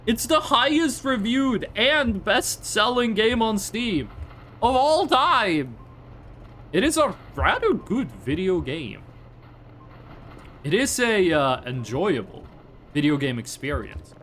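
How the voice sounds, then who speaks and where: This young Northern Norwegian streamer, a native Norwegian speaker with a regional accent, chats casually on a game livestream, rambling through stories and dropping mock-formal asides. His high voice is very animated and fairly bright but slow-paced, with slight background noise.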